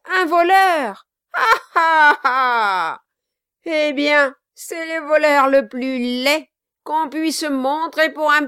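A hideous little dwarf man crows and jeers in a high, shrill, blaring voice, as a woman reader puts him on. He cackles and mocks at the top of his lungs. The sound is dry and close. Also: sharp tone, no echo, heavily acted. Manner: shrieking, jeering with cackling laughs. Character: gleeful hideous dwarf man, mocking and loud.

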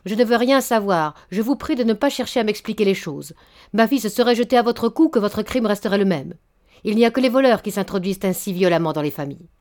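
A woman's voice: mid-range voice, fairly quick, a little mellow, natural voice. Storybook old baron, proud and stern, scolding; woman reader performs him. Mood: indignant. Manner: indignant, stammering then thundering.

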